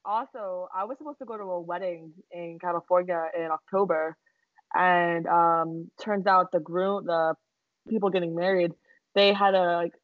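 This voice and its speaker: A woman's voice: fairly low pitch, no echo. A young woman co-hosting a podcast, chatting casually, giggly and swearing freely. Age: young adult. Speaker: podcast co-host. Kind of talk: casual chat. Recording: dull lo-fi sound.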